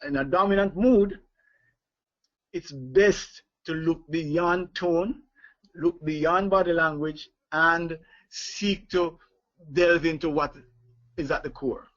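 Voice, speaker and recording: Halting man giving a webinar. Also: on the high side, steady tone, a bit bright. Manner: hesitant, many fillers and restarts, chuckles often. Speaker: leadership trainer leading a webinar. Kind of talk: live online training talk. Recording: dull lo-fi webinar audio.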